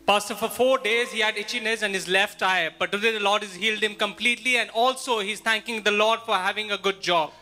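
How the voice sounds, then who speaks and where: A man with a high, very bright voice reports healing testimonies quickly and briskly to the pastor. Faint music sits behind him. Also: steady tone. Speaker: church helper presenting testimonies.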